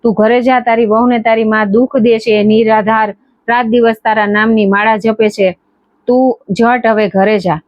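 A kindly goddess mother from a devotional storybook, voiced by a woman, calm and unhurried as she comforts. The voice sits a little high. The recording is dry and somewhat dull. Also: dry recording, natural voice. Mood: reassuring.

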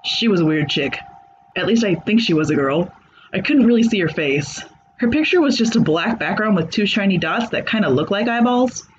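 Narrating a funny horror story, this man uses a high, expressive voice and a moderate pace, keeping his delivery dry and sarcastic. The audio sounds dull, with slight noise behind him.

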